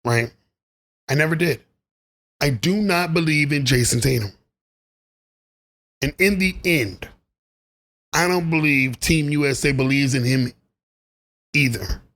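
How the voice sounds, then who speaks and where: Guy ranting about basketball, kinda high voice, goes off on tangents and laughs at himself. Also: expressive, slow pace, pauses often, bright, forceful tone. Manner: rambling and opinionated, laughs at his own asides. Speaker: sports commentary vlogger. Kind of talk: casual basketball commentary monologue.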